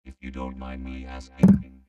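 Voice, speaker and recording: A man voicing a menacing male enforcer who threatens in a breathy, whispery tone. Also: measured pace, lo-fi sound, lightly acted. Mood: threatening.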